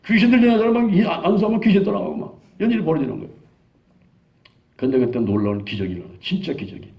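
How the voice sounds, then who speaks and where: Animated Korean pastor in his sixties. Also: a little high, very fast, gravelly. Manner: animated storytelling, acting out quoted dialogue. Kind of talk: sermon testimony. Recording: dull lo-fi sound.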